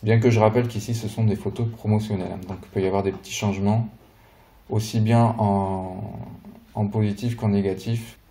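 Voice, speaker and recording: Dark-voiced man reviewing toys. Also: on the low side, moderate pace. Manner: relaxed, chatty, hesitant fillers. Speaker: toy reviewer. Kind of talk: casual product walkthrough.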